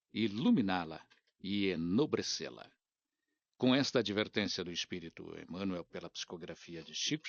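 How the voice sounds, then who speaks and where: A man hosting a radio program, closing it in a slow, solemn way. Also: low voice, fairly bright tone, no room sound. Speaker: radio host. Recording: dry lo-fi radio recording.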